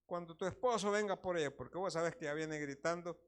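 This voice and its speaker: Give me a man playing a calm, patient old pastor advising someone. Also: fairly high pitch, fast, clean tone, close to an everyday voice. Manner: calm, instructive. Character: gentle older male pastor giving advice.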